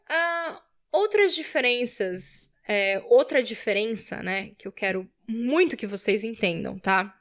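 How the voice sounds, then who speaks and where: A woman's voice: on the high side, fairly bright tone. A woman teaching English grammar to Portuguese speakers, explaining patiently and checking understanding with frequent tag questions. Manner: explains patiently, tags phrases with "né?" and "tá?". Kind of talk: online grammar lesson.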